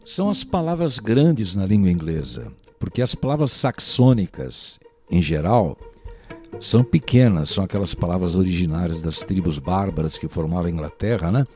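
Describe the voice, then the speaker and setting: A man's voice: low voice, animated, moderate pace, a little mellow, faint music behind. A man with a Brazilian Portuguese accent giving a recorded language lesson, explaining patiently and often checking in with the listener. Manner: patient, explanatory, keeps asking "né?". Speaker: language teacher.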